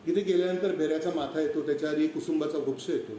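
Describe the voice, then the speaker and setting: Guy from maharashtra doing a lively wildlife storytelling talk, mimics animal calls, kinda far from the mic, roomy echo. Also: fairly high pitch, rapid-fire. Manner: vivid storyteller who imitates animal calls. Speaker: wildlife speaker. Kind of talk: storytelling talk on a live stream. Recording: echoey room, distant mic, faint noise.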